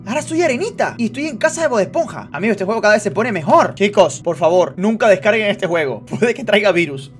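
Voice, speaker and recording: A young man giving excited gameplay commentary, shouting when startled. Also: sits high, fast, hardly any pauses. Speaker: gamer streamer. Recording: voice over game music.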